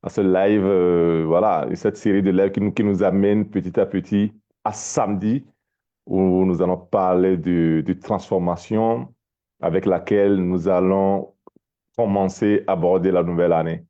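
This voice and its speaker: A man's voice: sits low, fairly even intonation, measured pace, warm tone, highs cut off. A man from Togo, a life coach, giving a motivational talk on a live stream, often repeating words as he searches for them.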